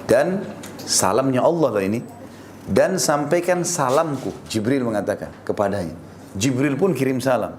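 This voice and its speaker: A man delivers a sermon at a middle pitch, full of energy and sudden rises for emphasis. He talks to his listeners as friends, and faint ambience sits behind his voice. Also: animated, normal speed, darkish tone, slight background noise. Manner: addresses listeners directly as friends. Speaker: preacher.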